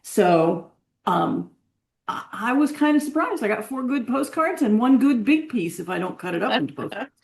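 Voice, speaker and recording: A woman's voice: on the high side, expressive, normal speed, gravelly. Chatty woman on a video call. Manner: chatty, meandering, with ums. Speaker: participant. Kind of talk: casual chat.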